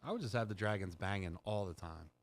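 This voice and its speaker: A man's voice: low voice, animated, quick pace. A man co-hosting a podcast, tossing in jokey, playful asides in casual chat. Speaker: podcast co-host.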